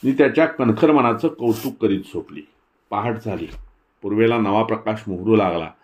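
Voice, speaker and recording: A man reading a novel aloud in a measured, expressive storytelling manner. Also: on the low side. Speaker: audiobook reader.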